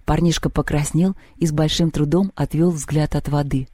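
A woman calmly narrating a children's storybook. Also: sits low, normal speed, breathy edge, no echo. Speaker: audiobook reader.

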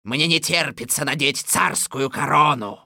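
A man voicing a gleeful, domineering immortal sorcerer who barks loud, imperious commands in a storybook reading. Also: fairly high pitch, unhurried, creaky, no echo, studio quality, pitched above the performer's own voice, heavily acted. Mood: commanding.

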